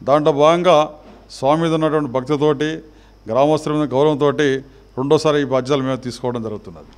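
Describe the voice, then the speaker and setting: A middle-aged man answers a reporter's questions as chairman of a temple trust. He speaks in formal, measured phrases with small pauses. His voice is smooth and resonant, pitched a little high for a man. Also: fairly even intonation.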